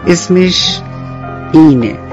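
A man telling a children's bedtime story on the radio, gently asking the young listeners questions as he goes. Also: a little high, highs cut off, over music. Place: radio studio.

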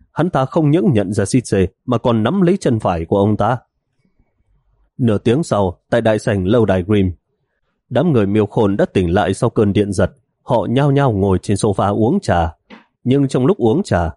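Male audiobook narrator, low voice, mellow tone, dry sound. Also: no echo. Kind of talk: scripted novel narration.

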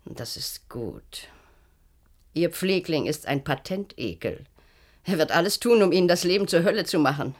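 With a lowish, expressive voice at normal speed, an actress plays the stern matron of a secretive clinic in a German radio play. Her character comes across as sardonic, brusque, probing and condescending.

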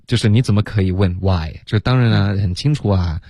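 A deep, low-pitched man leads a bilingual radio English lesson. He explains pronunciation patiently, step by step, drawing out his demonstrations. The studio sound is dry and close. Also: fairly quick, mellow, no room sound. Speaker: English teacher.

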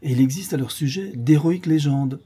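A man voicing a calm, learned young gentleman who speaks in a measured, erudite way, in an audiobook reading. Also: on the high side, breathy edge, voice pushed up. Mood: assured.

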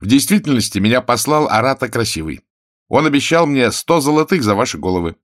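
A man's voice: medium pitch, lively intonation, a little fast, fairly bright tone, voice pushed up, close to an everyday voice. A man reading aloud and voicing a scheming boy who wheedles and lies in a storybook. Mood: sly. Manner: hasty, wheedling. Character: scheming boy playing a lying captive.

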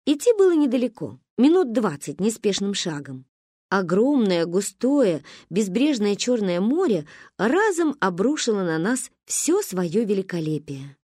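Expressive woman narrating an audiobook. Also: mid-range voice, measured pace, no room sound, clean studio sound. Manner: expressive, storytelling.

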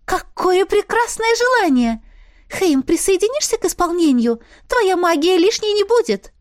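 A woman voicing a tiny, lively female winter spirit in an audiobook, bright and bubbly. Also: normal speed, no echo, clean studio sound. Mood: delighted. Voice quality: bright, high and ringing. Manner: excited, bubbly. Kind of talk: audiobook character voice.

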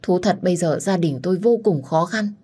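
A woman's voice: lowish voice, brisk, warm tone, slightly rough. A woman voicing a poor, hardworking uncle who pleads anxiously for his son. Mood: pleading. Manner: pleading, worried.

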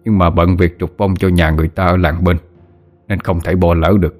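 A man's voice: low voice, little pitch movement, darkish tone, faint music behind. A man doing a grave middle-aged spirit medium. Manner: grave, slow, hesitant with fillers.

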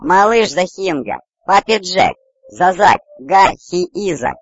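A tiny furry alien baby chirps in piercing squeaks far above any human voice. Eager little sounds, set in a dry, slightly dull audiobook recording. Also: male voice, lively intonation, takes it slowly, slightly rough, dry recording, full character voice. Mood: excited.

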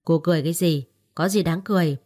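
A brooding young husband from an audio story, curt and cold, snapping out short lines, as a woman narrator reads him. The voice sits low and clipped. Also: fast talker, dark tone, natural voice.

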